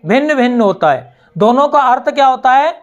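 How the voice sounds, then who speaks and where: A woman teacher giving a slow classroom explanation, asking her students questions and answering them herself, repeating key words. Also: high voice, lively intonation, dull audio. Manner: recites verse lines slowly, word by word.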